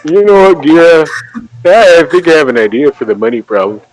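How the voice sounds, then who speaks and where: A man's voice: a little high, sing-song, fairly quick, slight background noise, low-quality recording. A man playing in a tabletop game, casual and playful. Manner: playful, laughs often. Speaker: player.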